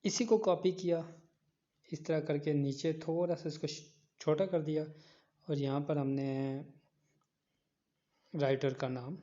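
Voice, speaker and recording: A man's voice: on the high side, fairly even intonation, slow pace, pauses often, dark tone, muffled recording. A man teaching a phone editing app step by step, repeating key instructions. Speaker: online teacher. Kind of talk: screen-recorded app tutorial.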